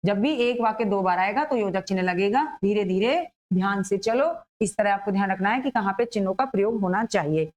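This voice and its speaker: A woman's voice: mid-range voice, quick pace, few pauses, low-quality recording. A woman teacher giving an exam-prep grammar lesson, explaining patiently and asking and answering her own questions.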